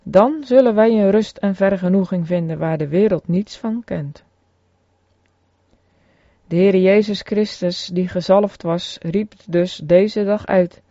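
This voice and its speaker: A man preaching from an old sermon in a solemn, earnest, measured manner. His voice is dark and mellow. The recording is dry and a little dull, with a lo-fi edge. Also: medium pitch, no echo. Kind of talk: reading a sermon aloud.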